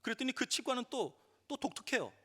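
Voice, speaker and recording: A middle-aged man, a pastor, preaching a sermon in an animated way and acting out the voices he quotes. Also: extremely high pitch, fairly quick. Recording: reverberant church sanctuary.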